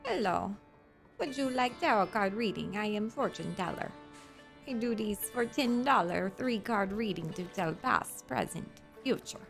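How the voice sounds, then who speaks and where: Fortune teller role for online western role-play: woman as earnest mystic, halting broken English, gravelly fry in a mid-pitched voice. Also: animated, a bit bright, faint music behind. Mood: soliciting, businesslike.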